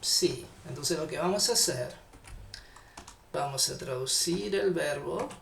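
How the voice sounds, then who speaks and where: A male teacher with a Chilean accent explains grammar patiently and deliberately, talking straight to his students. His voice sits fairly high and has a gravelly edge, and he speaks slowly. The room around him is echoey. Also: a bit bright, slight background noise. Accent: Chilean Spanish. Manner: patient, deliberate, addresses learners directly. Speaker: English teacher. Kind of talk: classroom lesson explanation.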